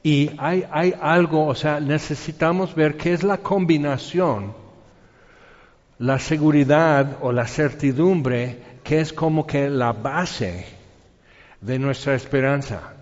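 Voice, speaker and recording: Brief: a middle-aged Mexican preacher, fairly high voice, in a dull-sounding echoing hall. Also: male voice, slow. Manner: animated, colloquial storytelling with sound effects. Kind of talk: sermon.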